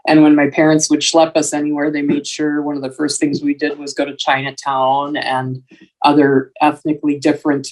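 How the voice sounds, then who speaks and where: A retired woman from Wisconsin, a podcast guest talking in a relaxed, earnest way about her life. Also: low voice, distant mic, poor audio. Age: older. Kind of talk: casual conversation.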